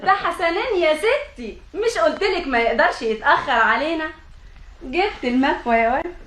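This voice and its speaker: A lovestruck young maid in an old Egyptian comedy film, with an Egyptian accent. She wheedles and teases in a high, rapid voice. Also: expressive, a bit bright. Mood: giddy. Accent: Egyptian Arabic. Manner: teasing, wheedling, pestering.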